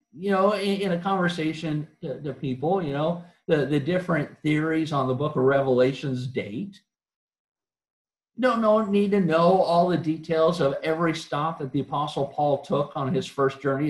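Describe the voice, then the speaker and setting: Earnest preacher, higher voice, echoey church. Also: male voice. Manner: earnest, questioning, with frequent restarts and fillers. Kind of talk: sermon. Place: church auditorium.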